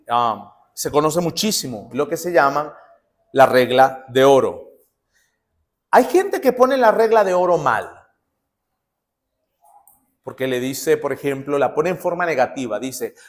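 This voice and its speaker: A male preacher from Nicaragua delivering a sermon. His voice sits high and swings widely, from loud bursts of emphasis down to soft, low asides. He keeps asking his listeners questions and acts out the people he quotes. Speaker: pastor.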